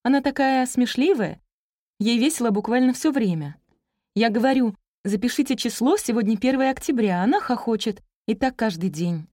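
A woman with a fairly high, lively voice voices a flustered, eager young female teacher in an audiobook story, pitching above her own natural voice. She babbles in a nervously cheerful way at normal speed, her tone a little mellow. The studio recording is clean, with no room sound.

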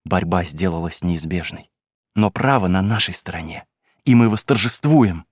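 A man voicing an earnest, tender young male revolutionary who speaks in a hushed, low voice in an audiobook. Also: moderate pace, dry recording, clean studio sound.

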